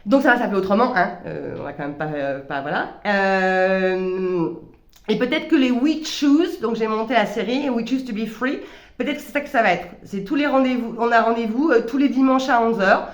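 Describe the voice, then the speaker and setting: A woman's voice: fairly high pitch, expressive, moderate pace, dull audio. A woman talking reflectively in a personal vlog, hesitant, with many stammered restarts. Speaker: vlogger. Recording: roomy echo.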